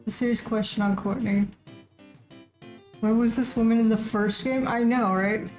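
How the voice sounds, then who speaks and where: A woman's voice: on the high side, steady tone, normal speed, a little mellow, soft background music. A woman streaming a game live, joking casually and reading its lines aloud in a plain voice.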